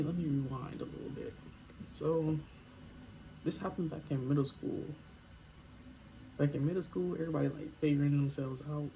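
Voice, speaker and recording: A young man chats through a storytime vlog in a relaxed, slangy manner, cracking jokes as he goes. His voice sits a touch high with a gravelly edge. A faint hiss hangs under the recording. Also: low-quality recording. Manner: laid-back slangy storytelling with joking asides. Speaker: vlogger.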